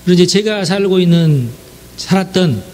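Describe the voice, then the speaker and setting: This conversational sermon comes from a Jeolla preacher whose voice sits high and sounds animated, darkish, and moderately paced. He talks straight to the crowd with frequent affirming asides, and there is a little hiss or hum.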